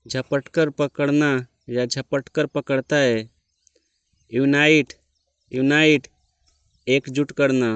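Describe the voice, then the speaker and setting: A man's voice: medium pitch, smooth, dry recording. A man teaching vocabulary, saying each word twice with careful stress and then giving its meaning. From India.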